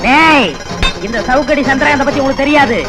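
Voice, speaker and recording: A swaggering whip-wielding hero. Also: male voice, very high-pitched, steady tone, fairly quick, music in the background. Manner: swaggering, comic. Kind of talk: 1980s film dialogue.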